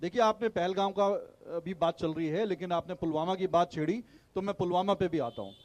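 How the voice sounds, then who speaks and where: In a heated TV debate, a man acting as an opposition party spokesman argues insistently, pushing on through interruptions. His voice is high and his delivery brisk.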